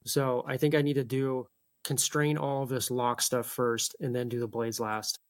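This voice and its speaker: A man's voice: mid-range voice, flat delivery, moderate pace, no echo, studio quality. A man in casual shop talk, a machinist thinking aloud as he works through his plan. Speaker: machinist making folding knives.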